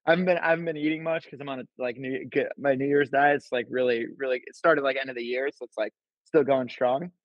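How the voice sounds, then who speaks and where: A man's voice: mid-range voice, steady tone, fast, no echo, highs cut off. A young man from New Jersey, a podcast guest, telling loose rambling stories and saying "like" constantly. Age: young adult. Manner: laid-back, filler-heavy, says "like" constantly. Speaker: podcast guest, baklava vendor. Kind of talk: casual chat, rambling storytelling.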